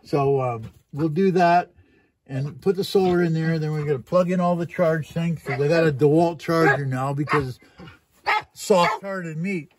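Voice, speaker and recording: A man's voice: a little high, normal speed, background noise. A Canadian man vlogging in a rambling, joking way, casually swearing as he talks through a project. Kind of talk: casual chat.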